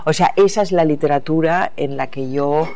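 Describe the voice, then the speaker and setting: A woman's voice: deep voice, moderate pace, mellow, slight background noise. Novelist guest, woman from the US, reflective and searching, restarts her thoughts mid-sentence. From United States. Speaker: novelist being interviewed. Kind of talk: reflective interview talk.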